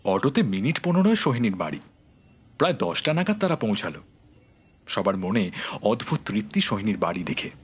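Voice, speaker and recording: Husky male storyteller. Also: lowish voice. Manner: measured, expressive storytelling. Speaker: narrator. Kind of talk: scripted story narration.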